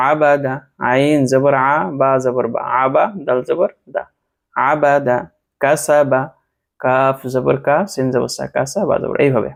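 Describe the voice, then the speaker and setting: A man teaching Quran reading, slowly spelling out each Arabic letter with its vowel sound and then blending them into words. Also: medium pitch, creaky. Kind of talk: slow syllable-by-syllable Quran reading lesson.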